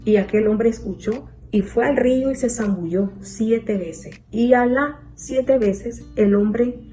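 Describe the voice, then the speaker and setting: Woman preacher, sermon delivery, slow and mellow, checks in with her listeners, faint guitar underneath. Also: on the high side. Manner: retells scripture, asks listeners "¿verdad?" and "¿ves?". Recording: soft guitar music behind.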